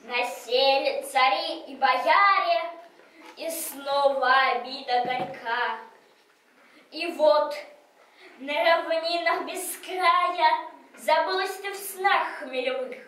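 A woman reciting poetry in a slow, mournful, sing-song way. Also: sits high, pushed and bright, slight background noise. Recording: very echoey, far from the mic.

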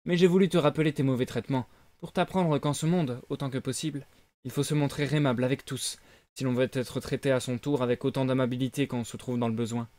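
Grillon sermonneur, joué par un homme, posé, plus grave. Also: male voice, mid-range voice, fairly even intonation, fast, darkish tone, close to an everyday voice. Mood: sévère, posé. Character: grillon parlant sage et sévère.

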